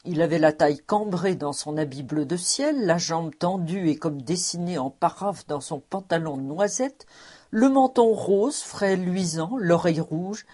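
A woman reading a classic novel aloud as narrator, measured and expressive. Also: fairly low pitch. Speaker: audiobook reader.

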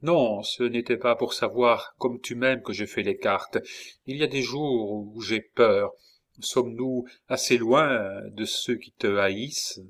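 Storybook young wife, affectionate and lively, voiced by a male narrator with a lift in pitch. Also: slow. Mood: earnest.

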